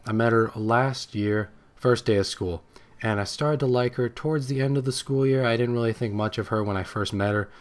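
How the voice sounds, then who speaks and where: Rambling teen guy with a lowish voice. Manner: rambling, excitable storyteller. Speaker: gaming channel host. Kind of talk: storytelling commentary over gameplay.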